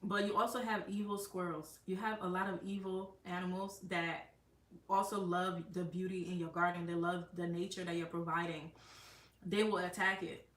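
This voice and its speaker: A chatty woman hosts a gardening livestream, rambling through tips with frequent fillers and restarts. Her voice is bright and forceful, sitting fairly low for a woman. She sounds a bit distant from the mic in a roomy, echoing space. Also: flat delivery, normal speed. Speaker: gardening channel host. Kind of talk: casual live-stream chat.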